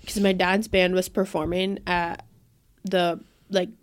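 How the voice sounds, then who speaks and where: A young woman in her late teens, co-hosting a casual chat and telling stories in an animated way, laughing often. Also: fairly low pitch, unhurried, clear, resonant tone. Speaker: podcast co-host.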